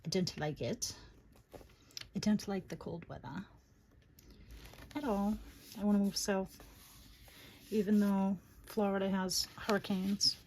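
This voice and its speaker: A woman's voice: medium pitch, steady tone, slow pace, long pauses, darkish tone. A woman with a Boston accent chatting casually to viewers and to herself as she hosts a crafting livestream. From Massachusetts, United States. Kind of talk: casual chat while crafting. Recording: noticeable background noise, clicks and rubbing.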